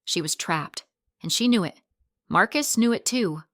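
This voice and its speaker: A woman reads a scripted story in a measured, even way. Her pitch sits in the middle range, and the recording is dry and close. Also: dry recording. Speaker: narrator.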